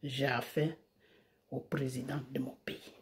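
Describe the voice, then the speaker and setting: A woman from Côte d'Ivoire, a video creator, speaks to the camera in an indignant monologue, hammering home rhetorical questions. Her bass voice holds a level tone at a slightly slow pace. It's recorded on a phone or camera mic with slight background noise.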